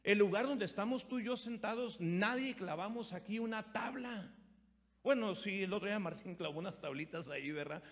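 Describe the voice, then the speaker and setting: A man's voice: high-pitched, moderate pace. A middle-aged man, a pastor preaching a sermon that moves from storytelling to emphatic, repetitive exhortation. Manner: storytelling, rising to emphatic preaching with repeated words. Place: church hall. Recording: long hall reverb.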